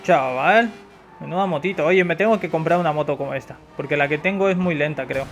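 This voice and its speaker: A young man with a Spain Spanish accent giving excitable, casual gameplay commentary with loud exclamations and frequent swearing, sounding slightly congested. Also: fairly high pitch, fairly quick, soft background music. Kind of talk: casual let's-play commentary.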